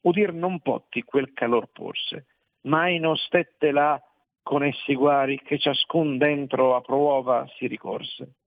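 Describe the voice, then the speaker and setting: A man reciting classic verse in a measured, solemn way. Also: medium pitch, fairly even intonation. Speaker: reader. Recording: tinny narrow-band dry recording.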